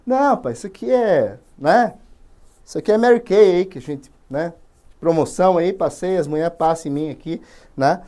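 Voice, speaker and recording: A man's voice: fairly high pitch, expressive, normal speed, mellow, lightly acted. A man with a Brazilian accent voicing a tearful young captive warrior who pleads in casual slang. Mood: evasive.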